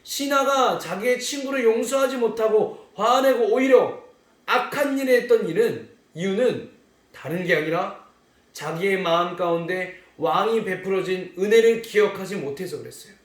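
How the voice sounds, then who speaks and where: High-voiced man preaching to children. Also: normal speed. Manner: animated, addresses children as friends. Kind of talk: children's sermon storytelling. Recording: echoey room.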